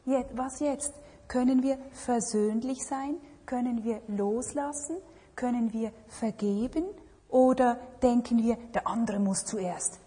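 A woman with a rather high, husky voice gives a reflective talk, often asking her listeners questions. She speaks in a large room, and her voice trails off into a long hall reverb. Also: mellow. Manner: reflective, asks many questions. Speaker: speaker on marriage and relationships. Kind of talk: talk to an audience.

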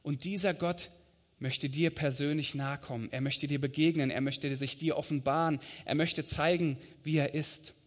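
A man delivers a sermon in a calm, measured way, leaning on the scripture lines he quotes. His voice sits a little high for a man. The sound rings out with a long hall reverb, as in a church. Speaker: preacher.

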